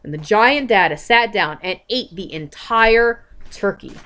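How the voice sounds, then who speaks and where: A young woman telling a made-up story to a small child, slowly and expressively, stopping to ask questions. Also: medium pitch, expressive, fairly bright tone. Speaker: parent telling a bedtime story.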